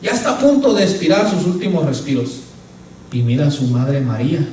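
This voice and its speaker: A man's voice: fairly high pitch, very animated, a little fast, a little mellow, a little hiss or hum. A male pastor preaching a sermon with emphasis, often calling out to the congregation as brothers. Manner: emphatic, often calls out "hermano". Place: church. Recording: echoey church hall, mic at a distance.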